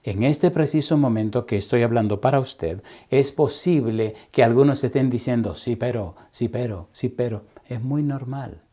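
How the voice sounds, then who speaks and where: A man preaching as a pastor in Sabbath school, telling a story and acting out its dialogue, sometimes dropping to a hushed whisper. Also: medium pitch, normal speed, hardly any pauses. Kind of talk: Sabbath school Bible teaching.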